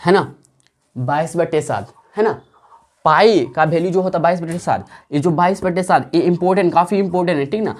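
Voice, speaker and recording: A woman teaching a maths lesson online. She explains patiently, repeats herself often, and asks and answers her own check-in questions. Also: on the low side. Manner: patient, drawn-out explaining pace with frequent fillers. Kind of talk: online classroom lecture.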